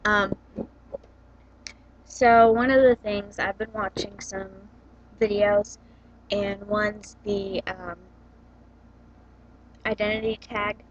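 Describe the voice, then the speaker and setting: Here a young female book vlogger, mid-range in pitch with fairly even intonation, talks slowly with long pauses, hesitant and full of ums and likes. It's a casual home recording made through a built-in laptop webcam mic, so the audio is dull and lo-fi.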